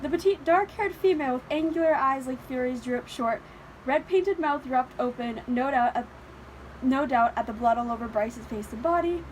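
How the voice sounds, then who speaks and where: High-voiced woman gushing near tears. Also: moderate pace, a little hiss or hum, low-quality recording. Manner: excited, swearing, stumbling, near tears. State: close to crying. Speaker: book vlogger. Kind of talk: emotional reading reaction vlog.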